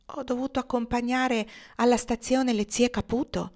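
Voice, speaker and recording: A woman's voice: on the high side, steady tone, normal speed, a little mellow, pitched above the performer's own voice, natural voice. A woman reading a playful young man in love.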